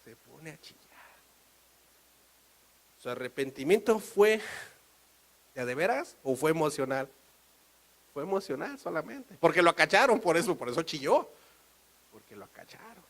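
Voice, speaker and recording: A man with a Mexican accent preaching a sermon, animated and storytelling. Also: on the high side, normal speed, pauses often, rough recording. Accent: Mexican Spanish. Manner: animated, storytelling, acts out dialogue.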